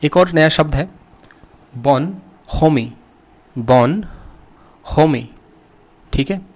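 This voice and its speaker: A man with an Indian accent teaching vocabulary at a deliberately slow, unhurried pace. He spells each word out letter by letter and keeps turning questions to his students, patient and steady throughout. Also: on the high side. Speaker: English teacher.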